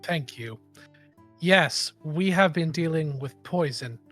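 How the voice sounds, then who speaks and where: Tabletop game huntress leader, male performer: grave, guarded, slow and deliberate, soft music behind. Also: on the high side, animated, exaggerated voice. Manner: slow, solemn, measured delivery.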